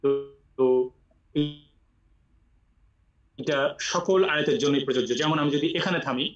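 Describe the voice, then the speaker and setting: Male recitation teacher, somewhat high voice, patient explainer, slow drawn-out recitation, echoey muffled audio. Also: a bit bright. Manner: explains patiently, then recites slowly with long drawn vowels. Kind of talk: online class teaching and recitation.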